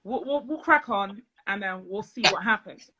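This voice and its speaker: A woman, a financial and business coach, talking as a guest on a live phone video chat in a measured, earnest way. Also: mid-range voice, pushed and bright, lo-fi sound. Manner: measured, earnest, speaks deliberately slower.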